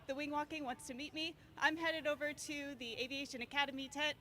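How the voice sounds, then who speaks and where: A woman's voice: high voice, steady tone, a little fast, bright, forceful tone. A woman guest performer giving an upbeat, gracious live interview at an outdoor event. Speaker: wing walker, guest performer. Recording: clear background noise, outdoor air show.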